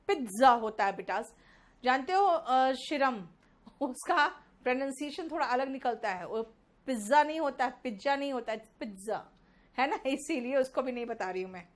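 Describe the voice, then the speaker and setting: A woman with an Indian accent teaching English pronunciation in an online class, addressing students fondly and drilling words slowly. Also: sits high, animated. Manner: addresses students as beta, slow deliberate word drills.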